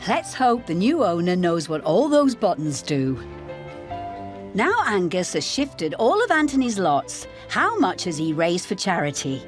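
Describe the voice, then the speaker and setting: A woman's voice: lowish voice, very animated, measured pace. A woman reading a scripted television voice-over as narrator, with a playful delivery. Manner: playful, punning. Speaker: narrator of an auction show. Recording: light music under narration.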